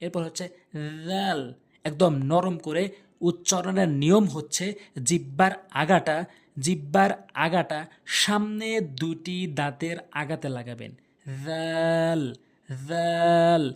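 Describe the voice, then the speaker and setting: A teacher giving a slow, step-by-step pronunciation lesson, repeating each letter sound several times and explaining it in simple terms. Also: mid-range voice, vocal fry. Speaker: Quran recitation teacher.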